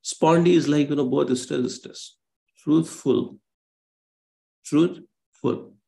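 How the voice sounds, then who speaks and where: A man's voice: on the high side, fairly even intonation, a little slow, creaky, dark tone. A male lecturer on a live online class, explaining patiently with many fillers and self-corrections over a video call.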